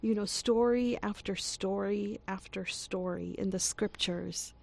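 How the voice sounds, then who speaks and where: A woman co-hosts a radio hour and reflects on faith. She talks thoughtfully and often uses fillers. Her voice has a gravelly fry. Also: medium pitch, steady tone, measured pace, darkish tone. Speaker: radio show co-host.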